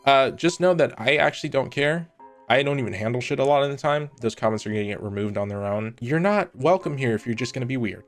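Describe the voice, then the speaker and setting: A man's voice: mid-range voice, animated, quick pace, faint music behind. A man hosting an online video in casual chat, with a sarcastic, teasing, mock-polite manner. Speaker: online content creator hosting a comment-reading video. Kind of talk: casual chat reacting to comments, with a sponsor read.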